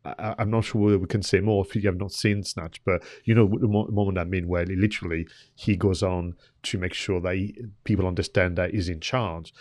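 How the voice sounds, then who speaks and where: A man's voice: deep voice, steady tone, brisk, few pauses, darkish tone, dry recording, studio quality. A man co-hosting a podcast, chatting casually and thoughtfully as he retells film scenes. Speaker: podcast co-host. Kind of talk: casual film review chat.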